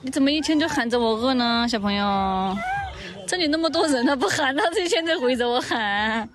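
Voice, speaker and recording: A woman hosts a casual livestream on her phone from an outdoor park. Her slightly high voice chatters and teases, then slips into cooing baby talk. Faint ambient noise sits behind her. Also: expressive, a little fast. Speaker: livestream host.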